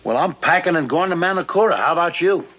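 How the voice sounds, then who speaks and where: An actor playing a breezy, commanding American navy skipper in a sitcom, scheming and easygoing, with slangy speech. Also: male voice, on the high side, expressive, fast, fairly bright tone, slight background noise. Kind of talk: 1960s TV sitcom acting.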